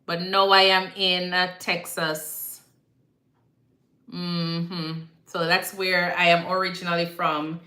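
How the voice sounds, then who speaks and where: Jamaican woman, nurse-host type, low-pitched but bright and forceful delivery, chatty with bits of patois. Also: flat delivery, slow pace. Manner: chatty, repeats herself, slips into patois phrasing. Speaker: nurse hosting a live Q&A. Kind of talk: casual live-stream chat answering viewer comments. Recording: echoey room.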